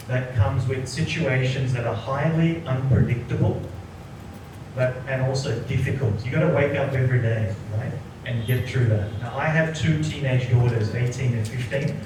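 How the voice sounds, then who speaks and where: A man in his forties, from Sri Lanka, a psychologist giving a workshop lecture who keeps checking in with the audience by asking "right?". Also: medium pitch. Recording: echoey room, voice from a distant mic, noticeable background noise.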